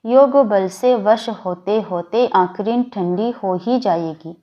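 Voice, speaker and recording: Slow, measured woman reading scripture. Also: mid-range voice. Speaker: reader of a daily spiritual discourse. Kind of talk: reading a spiritual discourse aloud. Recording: dull, lo-fi recording.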